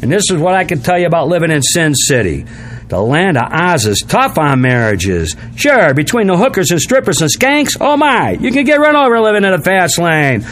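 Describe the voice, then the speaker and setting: A man's voice: on the high side, big pitch swings, normal speed, fairly bright tone, slight background noise. Brash older male stand-up comic. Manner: brash punchy joke delivery. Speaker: stand-up comedian. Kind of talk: stand-up routine then casual explanation.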